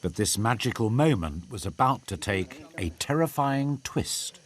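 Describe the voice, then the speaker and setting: A man's voice: on the low side, animated, measured pace. A man reading scripted nature documentary narration with dramatic storytelling. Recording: loud music bed under voice. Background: music.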